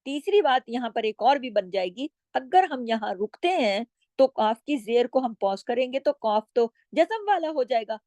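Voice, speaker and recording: A woman teaching Quran recitation rules. She explains patiently, stretches each example word out slowly, and often checks in with her listeners. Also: fairly high pitch, expressive, darkish tone, no room sound. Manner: draws out words slowly when demonstrating. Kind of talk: recitation lesson with slow demonstrations.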